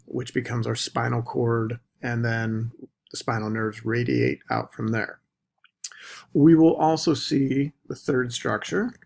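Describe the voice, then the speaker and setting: A man teaching a recorded biology lecture, deliberately stressing the key terms. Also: mid-range voice, vocal fry. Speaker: biology instructor.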